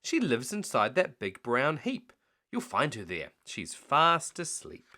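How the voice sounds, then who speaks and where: A man's voice: mid-range voice, huge pitch swings, slow, pushed and bright, full character voice. A man voicing a fat, crafty female hen from a storybook in a coaxing, persuasive way. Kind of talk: storybook character voice.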